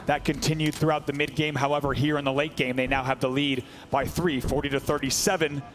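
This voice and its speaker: A man giving excited esports commentary as a caster, in emphatic, punchy phrases. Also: a little high, brisk, noisy background.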